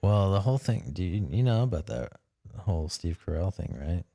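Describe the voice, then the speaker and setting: A young man co-hosting a podcast in casual chat, blunt and quick to swear. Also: deep voice, expressive, gravelly, warm tone, dry recording, studio quality. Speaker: podcast co-host.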